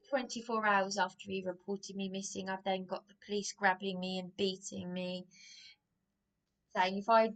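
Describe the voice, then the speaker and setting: Woman, agitated, rambling monologue, repeats herself, slow unhurried delivery. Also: mid-range voice, fairly even intonation, a bit bright. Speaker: vlogger.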